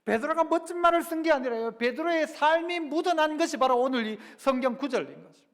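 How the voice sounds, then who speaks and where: High-voiced pastor preaching in a reverberant hall. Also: male voice, quick pace. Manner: conversational preaching with rhetorical questions to the congregation; acts out quoted lines in a lively voice. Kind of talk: sermon. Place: church sanctuary.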